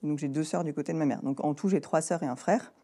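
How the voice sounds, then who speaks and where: A woman in her thirties from southern France, chatting as an interview guest, laughing often and filling pauses with "euh". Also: low-pitched, warm tone, husky. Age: 30s. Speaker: guest, co-founder. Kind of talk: casual interview.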